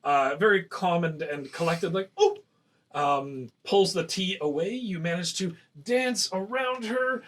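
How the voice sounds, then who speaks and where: A man narrating a tabletop game as game master, pausing often with fillers and restarts. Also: sits high, rough recording. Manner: hesitant, many fillers and restarts.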